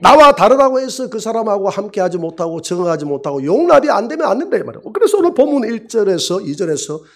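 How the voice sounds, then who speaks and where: High, husky-voiced preaching man. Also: quick pace. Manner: animated storytelling preacher who acts out quoted voices. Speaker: pastor. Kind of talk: sermon.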